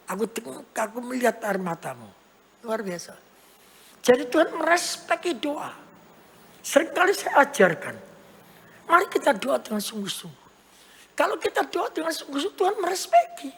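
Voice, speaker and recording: A woman's voice: a little high, vocal fry, breathy edge. A woman preaching a sermon, emphatic and repetitive, often asking rhetorical questions. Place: large church hall. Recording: church hall reverb.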